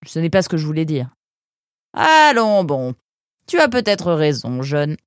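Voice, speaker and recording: Woman doing a kindly old male animal doctor, storybook, weary, reluctant, lowish voice. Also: big pitch swings, unhurried, no room sound, clean studio sound.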